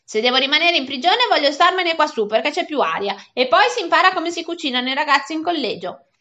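A mouthy, defiant boy talking back in a storybook reading, voiced by a woman. The voice is high and sharp-bright. The recording is dull and lo-fi. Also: animated, fast talker. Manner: defiant, cheeky. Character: cheeky defiant young boy.

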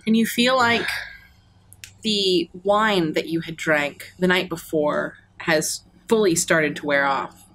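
A woman running a tabletop role-playing game as game master, narrating descriptively with drawn-out emphasis. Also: on the low side, a bit bright.

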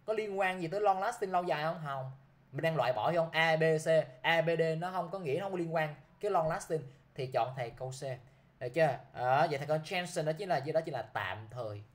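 A man's voice: on the high side, lively intonation, quick pace. A man teaching English vocabulary to a class, who keeps checking with his students by repeating a short prompt.

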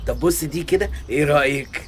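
Fast-talking Egyptian shopkeeper, a man acting. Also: a little high, soft background music, close to an everyday voice. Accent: Egyptian Arabic. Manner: fast, teasing, wheedling. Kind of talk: comic radio drama.

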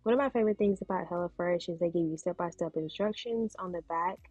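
A woman narrating her cooking video in voice-over, calmly explaining each step. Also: on the low side, fast, slightly rough, dry recording, lo-fi sound, soft background music. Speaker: cooking vlogger.

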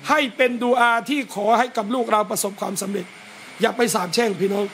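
A man, a religious teacher, gives a lively lecture at a home gathering, talking straight to his listeners. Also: high-pitched, quick pace, a little hiss or hum. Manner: lively, talks straight to listeners and acts out scolding parents.

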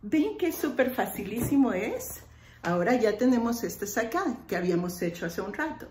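A woman English teacher, patiently explaining grammar and slowly repeating example phrases. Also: fairly high pitch, sing-song, darkish tone, reverberant, slight background noise. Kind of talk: online lesson explaining grammar.

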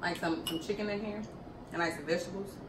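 A woman's voice: lowish voice, fairly even intonation, fast. A young woman chatting casually and slangily, with a chiding streak. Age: young adult. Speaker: vlogger doing a noodle eating challenge. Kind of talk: casual chat. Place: living room sofa, indoors. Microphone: camera a few meters away. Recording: roomy, distant, noisy camera audio.

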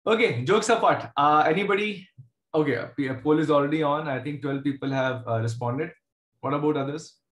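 A man's voice: on the high side, fairly quick. Echoey South Indian man teaching class. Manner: conversational, joking with students. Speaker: maths teacher. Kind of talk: informal online class teaching. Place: indoor room, online video class. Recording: roomy, echoey online class audio.

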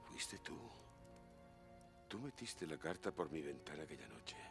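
A guilt-ridden man desperate for answers, in a film drama with a Castilian Spanish accent. His voice is very deep and gravelly and swings widely in pitch, tense and questioning. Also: big pitch swings, measured pace, music in the background, heavily acted. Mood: guarded, suspicious. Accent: Spanish, from Spain.

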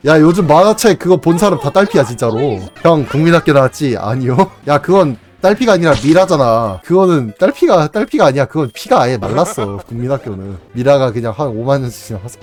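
Lively young man streaming, teasing chat. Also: on the high side. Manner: playful teasing, laughs a lot, mock-outraged. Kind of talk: casual live-stream chat.

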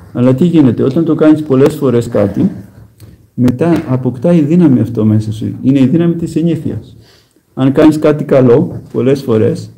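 A man preaching a conversational sermon as an Orthodox monk, telling stories with gentle humor and speaking straight to his listeners. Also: medium pitch, low-quality recording. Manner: plain storytelling with gentle humor; emphatic direct address to listeners.

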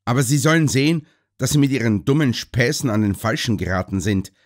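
A furious young gentleman storms about, loud and indignant in broad country speech, as a male narrator voices him. His pitch leaps up and down as he rants. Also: expressive, unhurried. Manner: shouting, broad country dialect.

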